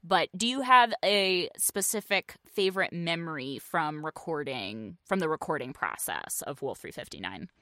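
A bubbly woman hosts a chatty podcast, her voice swooping up and down as she talks. Her tone is bright and ringing, and the recording is close and dry. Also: low-pitched, big pitch swings, normal speed, few pauses, no echo. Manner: bubbly and enthusiastic, laughs often. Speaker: podcast host. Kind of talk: conversational podcast hosting.

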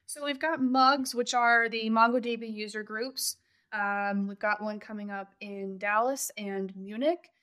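Smooth-voiced woman giving updates. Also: on the high side, fairly even intonation, fairly bright tone. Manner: measured, listing updates. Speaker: community content team member. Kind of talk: casual podcast chat.

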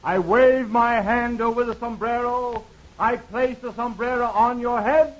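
Traveling magician-huckster, radio western: high voice, grandiose barker style, muffled vintage recording. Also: male voice, fairly even intonation, a little slow. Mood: showy, grand. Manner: grandiose barker patter, projected. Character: Eddie Morongo, showy traveling magician and elixir huckster. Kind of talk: old radio western acting. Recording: muffled old radio recording, faint noise.

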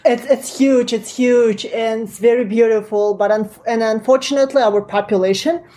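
A woman's voice: fairly high pitch, fairly even intonation, moderate pace, mellow. A woman in her late twenties from Kazakhstan with a Russian accent, a native Russian speaker, chatting as a podcast guest in a friendly way with many fillers and restarts. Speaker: guest entrepreneur. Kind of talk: casual interview chat.

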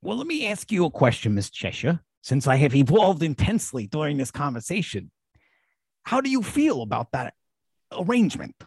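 A woman playing a mock-serious female interviewer, wry and deadpan. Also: low voice, moderate pace, husky, no echo, clean studio sound, heavily acted.

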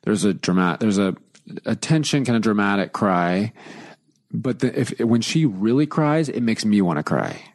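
Animated, low-voiced man telling parenting stories. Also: normal speed. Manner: animated, acts out quotes with big jumps in pitch. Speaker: guest, author and father. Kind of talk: casual podcast conversation.

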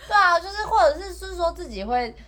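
A woman's voice: very high voice, animated, fast, crowd noise. A woman, co-hosting a casual podcast chat and giggling through childhood stories. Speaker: podcast co-host.

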